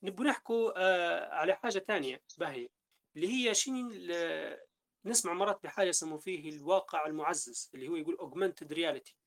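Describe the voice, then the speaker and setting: A man's voice: on the high side, quick pace. A man with a Libyan Arabic accent hosting a casual podcast conversation, talking through ideas at length and often restarting his sentences. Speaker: podcast host.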